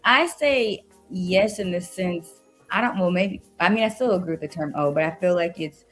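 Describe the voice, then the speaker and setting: Thoughtful low-voiced woman co-host. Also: normal speed, fairly bright tone, soft background music. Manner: thoughtful, hedging, reasoning aloud. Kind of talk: casual chat.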